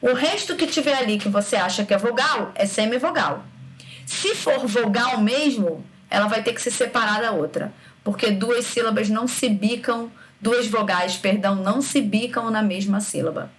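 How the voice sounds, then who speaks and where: A woman teaching a recorded grammar lesson, lively, stretching syllables out to demonstrate sounds and checking in with her students often. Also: fairly high pitch, moderate pace.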